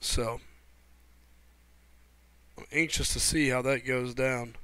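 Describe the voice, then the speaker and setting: A hoarse male game streamer, suffering a sore throat from a head cold, chats casually during live gameplay and reads the chat aloud. His mid-range voice is fairly even in intonation, slow, and pushed and bright, with no room sound. Laid-back, he addresses viewers by name as buddy and brother.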